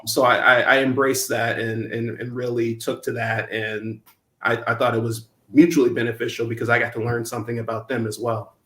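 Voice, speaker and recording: A man's voice: mid-range voice, little pitch movement, a bit bright. A young man from Minnesota, a guest in an interview, speaking reflectively with frequent restarts and ums. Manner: halting, many restarts and ums. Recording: roomy echo.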